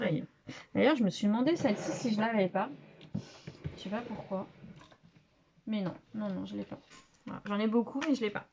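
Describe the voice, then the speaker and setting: A woman vlogger chatting casually about makeup she bought, hesitant with many fillers, trailing off softly as she handles products. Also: medium pitch, muffled recording, a little hiss or hum. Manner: handling products while talking, often trailing off quietly. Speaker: beauty vlogger. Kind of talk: casual haul video chat.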